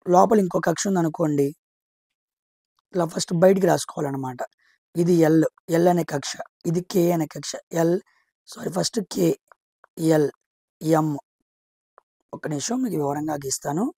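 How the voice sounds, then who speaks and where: Gravelly low-voiced woman teaching chemistry. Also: warm tone, dry recording, clean studio sound. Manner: asks questions and answers them herself, counts aloud; repeats key terms slowly. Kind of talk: explaining chemistry, drawing on a board.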